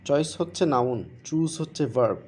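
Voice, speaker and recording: A man teaching an online English grammar lesson, slowly repeating verb forms to drill pronunciation. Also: a little high, a little mellow, husky.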